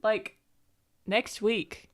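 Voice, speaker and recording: A woman's voice: mid-range voice, steady tone, drawn-out words. A woman in her twenties, co-hosting a podcast in casual chat, telling stories in a rambling way full of fillers. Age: 20s. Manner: rambling, filler-heavy storytelling. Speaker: podcast co-host.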